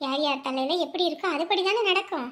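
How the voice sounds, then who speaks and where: A woman plays a sharp-tongued young woman who lectures everyone around her. Her voice sits very high and sounds bright and forceful. She speaks bluntly, scolding without softening. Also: fast talker. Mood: firm comforting. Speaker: outspoken friend. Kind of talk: web series acting.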